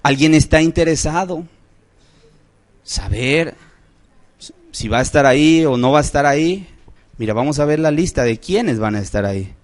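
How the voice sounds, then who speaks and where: A man preaching a sermon in church, emphatic, rising to outcries and dropping to low solemn phrases. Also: lively intonation, normal speed, pauses often. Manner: addresses listeners as brothers, asks rhetorical questions.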